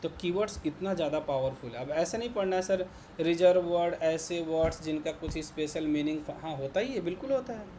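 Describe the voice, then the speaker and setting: A man's voice: a little high, animated, a little fast, dark tone, a little hiss or hum. A man with an Indian Hindi accent teaching a programming class to students. He keeps checking in with his listeners, repeating words and asking whether they follow. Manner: repetitive, checks in with "ठीक है ना" constantly. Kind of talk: classroom lecture.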